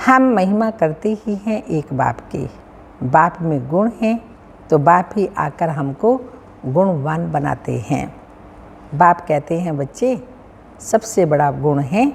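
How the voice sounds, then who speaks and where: Slow, low-voiced woman reading scripture in a hall. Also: a little mellow. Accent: Hindi, North Indian. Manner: measured, sing-song recitation with pauses, clears throat often. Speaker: spiritual teacher reading a daily discourse. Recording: long hall reverb, faint room hum.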